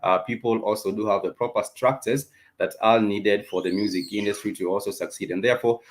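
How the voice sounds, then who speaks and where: A man with a Kenyan accent hosting an unscripted music talk show, speaking haltingly with many ums and repeated phrases. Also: lowish voice, fairly even intonation, a little hiss or hum. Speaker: radio show host.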